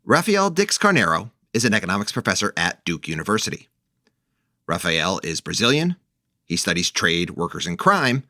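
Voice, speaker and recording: A man hosting an economics podcast, introducing the topic and his guest in a clear, measured, emphatic way. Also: sits low, sing-song, bright, forceful tone, no echo, studio quality. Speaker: podcast host. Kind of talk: scripted podcast narration and interviewing.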